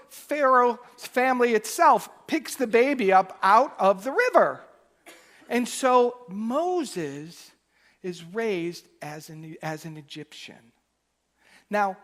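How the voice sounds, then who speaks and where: A male minister preaching a Sunday sermon in church, moving between loud emphatic bursts and soft, quiet asides. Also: sits high. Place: church during a Sunday service.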